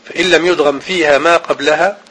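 A man teaching an Arabic grammar and Quran reading lesson, repeating each rule slowly and chanting the verses he quotes. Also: fairly high pitch, steady tone, a bit bright, breathy edge, rough recording.

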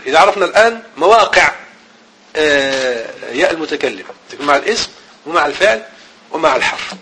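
A man teaching an Arabic grammar and Quran reading lesson, repeating each rule slowly and chanting the verses he quotes. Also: high-pitched, bright, forceful tone, husky, low-quality recording.

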